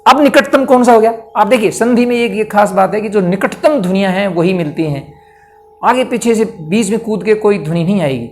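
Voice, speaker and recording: A man's voice: high-pitched, brisk, darkish tone. A man teaching a grammar lesson for exam preparation, patiently explaining step by step and asking the listener questions as he goes.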